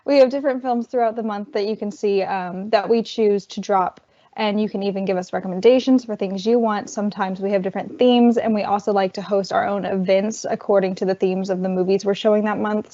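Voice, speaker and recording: A woman student worker giving a virtual orientation presentation, chatty and losing her voice, clearing her throat. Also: mid-range voice, dark tone. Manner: chatty, explains while cueing slides. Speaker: student worker presenting campus film events. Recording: dull lo-fi online call audio.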